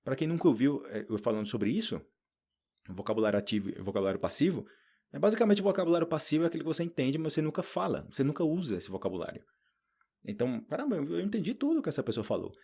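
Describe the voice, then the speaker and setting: A man from Paraíba with a northeastern Brazilian accent, chatting casually as he teaches Portuguese, animated and lively, often acting out other people in a higher voice. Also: very fast, breathy edge. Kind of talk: unscripted podcast lesson.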